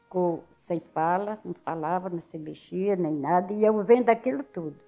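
In narrow, tinny audio with soft music underneath, an older woman speaks in a lowish, slightly fast voice with vocal fry. She has a Northeastern Brazilian accent from Alagoas and, in a casual interview, tells her story lively, acting out others' lines.

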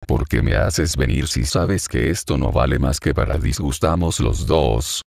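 A man's voice: a bass voice, a little slow, creaky, darkish tone, dry recording, clean studio sound, full character voice. A man voicing a proud, impatient teenage girl who scolds sharply, in a storybook reading. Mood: impatient, scornful.

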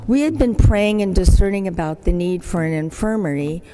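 Soft music plays behind this older woman, a religious sister whose lowish voice is animated and moderately paced. At Mass in a large, echoing church, she makes an appeal through warm anecdotes about her community's work. She acts out the voices of the people in her stories.

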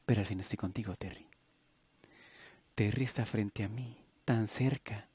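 A man's voice: fairly low pitch, fairly even intonation, moderate pace, dark tone, a little hiss or hum, lightly acted. A man voicing a bubbly, impulsive young woman nurse in an audiobook, alternating teasing and wistful tones. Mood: tender.

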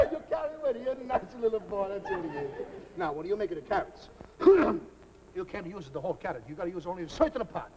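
Before a live crowd, a man plays a cheerful old-country Italian cook, rambling in broken English with an Italian accent, his voice high, very lively and fairly fast. It's a jovial live comedy sketch on a noisy old recording, with the audience laughing.

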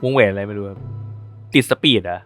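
A man hosting a gaming channel, giving casual, jokey play-by-play commentary in an excitable, chatty way. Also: fairly low pitch, fast talker. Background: game music.

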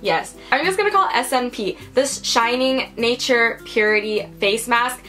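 Bright, chatty young American woman vlogging. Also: on the high side, lively intonation, unhurried, faint music behind. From United States. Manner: chatty and upbeat, lots of "like" and "you guys". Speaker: beauty vlogger. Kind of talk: casual product haul talk to camera. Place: her room indoors.

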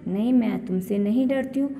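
एक महिला शेखीबाज़ मादा मक्खी की आवाज़ करती है, जो चिढ़ाते हुए ताने मारती है।. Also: female voice, on the high side, moderate pace, mellow, lightly acted. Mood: taunting. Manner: taunting, mocking. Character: boastful cheeky female fly. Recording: echoey hall reverb.

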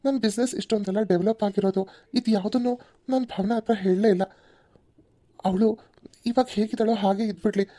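A woman voicing a calm, caring young husband in a cartoon serial, with a soft, reassuring way of explaining. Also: mid-range voice, fast talker, long pauses, no echo, lightly acted. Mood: gentle.

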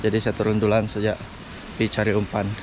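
Young man, relaxed casual vlog talk, action cam audio, open sea, wind and water noise. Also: lowish voice, brisk. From Malaysia. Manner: relaxed, chatty, drops "men" after phrases. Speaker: fishing vlogger. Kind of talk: casual self-filmed commentary. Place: kayak on open sea, outdoors. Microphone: action camera on body.

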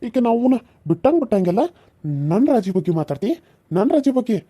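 A man's voice: very high voice, lively intonation, a little fast, husky, full character voice. A man voicing a menacing, cruel husband in a cartoon serial, speaking. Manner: snarling threats, then softly coaxing to his lover. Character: menacing cruel husband, threatens his pregnant wife.

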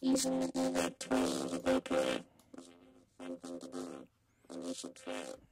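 A man's voice: deep voice, wildly swooping pitch, normal speed, creaky, darkish tone, soft background music, exaggerated voice. A man's voice run through a vocoder with formant shifting, which gives it a synthetic, robotic sound. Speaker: music production instructor. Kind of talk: demonstration sample, repeated phrase.

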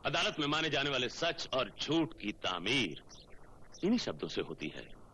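An actor playing a cynical middle-aged senior lawyer who lectures slowly and slyly, in 1980s film drama dialogue. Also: male voice, medium pitch, very animated, sharp tone, highs cut off, slight background noise. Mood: lecturing. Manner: lecturing, sly, drawn-out delivery. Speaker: senior lawyer heading a law office.

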